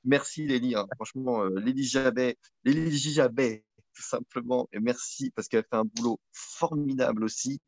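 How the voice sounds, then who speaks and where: A man's voice: mid-range voice, moderate pace, no room sound. A man hosting a casual live web show from home, chatty and repeating himself, full of fillers. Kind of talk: casual live-stream chat.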